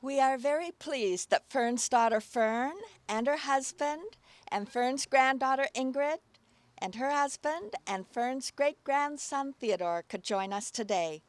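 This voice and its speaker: High-voiced woman hosting a ceremony. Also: unhurried, dry recording. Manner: relaxed, with fillers and light humor. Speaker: master of ceremonies.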